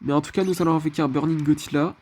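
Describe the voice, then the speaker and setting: Chatty French-speaking gamer guy, mellow voice. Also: fairly high pitch, fairly even intonation, quick pace. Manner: chatty, leans on filler phrases. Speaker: mobile game channel host. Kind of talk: casual gameplay commentary.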